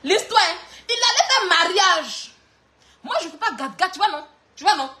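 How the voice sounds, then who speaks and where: A woman delivers a mocking insult clash, laughing through her lines. Her voice sits very high and swings widely in pitch. The tone is bright and sharp. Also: lively intonation, normal speed. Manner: mocking, often laughing while talking. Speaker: online clash streamer.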